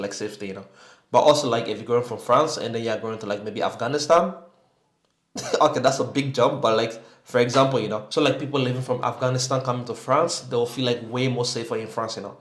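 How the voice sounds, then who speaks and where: A man's voice: medium pitch, roomy sound. A young man from Sierra Leone chatting casually as a YouTube reactor, rambling and leaning on "like" and "you know".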